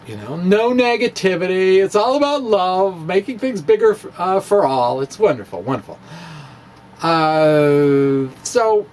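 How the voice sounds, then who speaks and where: A middle-aged man, a physics blogger, explains math in a chatty, rambling way, demonstrating with props and chuckling at his own asides. His voice is fairly high-pitched, with slight background noise.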